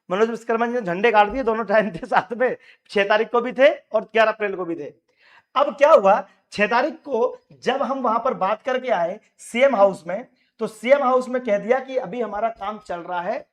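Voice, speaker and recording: A hoarse man, a coaching teacher and union leader, speaking straight to exam aspirants in an emphatic, rallying way and repeating his key points. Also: high voice. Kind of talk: direct address to exam aspirants.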